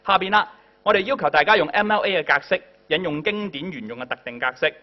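Male tutor, Hong Kong Cantonese accent, fairly high voice, prompts the class as he lectures, dull lo-fi recording. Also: quick pace. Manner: addresses the class directly with frequent "嗱" and "嚇" prompts. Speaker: workshop tutor.

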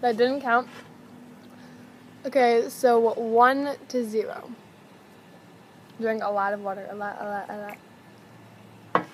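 A teenage girl hosts a casual challenge vlog in a fairly high voice. She talks at an unhurried pace, with stifled giggles slipping in. The camera recording is outdoors, with some noise behind her. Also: steady tone. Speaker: video host. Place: outdoors on a house patio. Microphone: camera mic at table distance.

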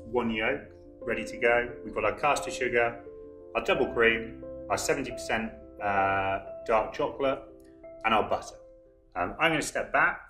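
A man in his thirties, a head chef, talking through a cooking demonstration step by step in a relaxed, explanatory way with frequent ums. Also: medium pitch. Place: large wood-panelled college hall, indoors. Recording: echoey hall.

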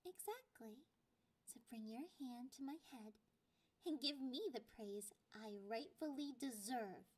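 In an ASMR roleplay, a woman voices a clingy, possessive catgirl girlfriend, playful and condescending, drawing her words out. Her fairly high voice sounds commanding and smug.

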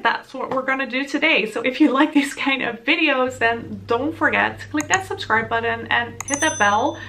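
Here the same kind of host, a woman in her thirties from the Netherlands who speaks Dutch natively and has a Dutch accent, presents casually to camera and in voice-over. She's chatty and enthusiastic, her voice a little high, creaky and sharp.

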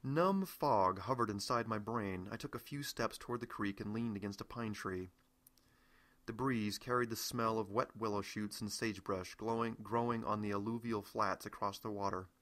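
A middle-aged American man, the author himself, reads his novel in the first person as a scripted audiobook. His fairly low voice is bright and forward, at normal speed.

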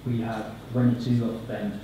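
A man in his thirties with a Finnish accent giving a conference presentation at a podium microphone, halting and repeating words, his phrases trailing off. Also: on the low side, level tone, dark tone, a little hiss or hum. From Finland. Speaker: conference speaker. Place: conference hall, indoors. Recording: echoey hall, picked up from far off.

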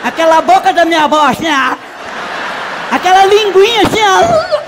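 Man doing a shrill country gossip woman. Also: big pitch swings, normal speed, long reverb tail, very noisy. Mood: aghast. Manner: gossipy storytelling with shrieks and comic exaggeration. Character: brash rural middle-aged woman, chatty and dramatic. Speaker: stage comedian. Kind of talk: live stand-up character monologue. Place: live stage show.

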